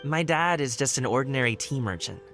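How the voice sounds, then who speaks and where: An actor voices a video game character, an easygoing young adult man who is a wushu dancer working as a guard, sounding friendly, laid-back, candid and earnest. His medium-pitched voice has lively intonation and a slightly fast pace, close to everyday speech, over loud background music.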